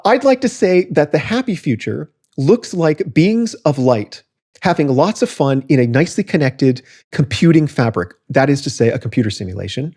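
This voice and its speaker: Talkative man with a mellow voice. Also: mid-range voice. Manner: reads quotes aloud and comments critically, frequent fillers and restarts. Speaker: podcast co-host. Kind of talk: casual podcast discussion.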